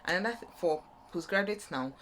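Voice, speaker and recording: Her lowish voice is expressive and a bit bright, at normal speed, with slight background noise. A young woman with a Nigerian accent, she vlogs student application advice casually and off the cuff, rambling and rewording her ideas.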